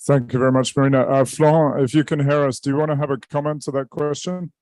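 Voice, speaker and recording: Guy moderating a panel, smooth resonant voice, dry close mic, loose with the ums. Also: medium pitch, steady tone, fast talker, a little mellow, no room sound. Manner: casual, filler-heavy. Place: busy conference pavilion.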